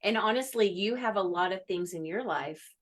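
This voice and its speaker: A woman's voice: mid-range voice, moderate pace. Bubbly woman podcast host. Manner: bubbly, encouraging, eager. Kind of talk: live interview podcast.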